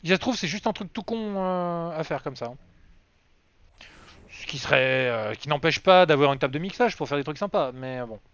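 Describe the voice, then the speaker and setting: Rambling streamer man, smooth voice. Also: on the high side, lively intonation, moderate pace, a bit bright, no echo. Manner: rambling, self-mocking, many fillers. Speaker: game streamer. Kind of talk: casual live-stream chat. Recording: dry, slightly dull lo-fi sound.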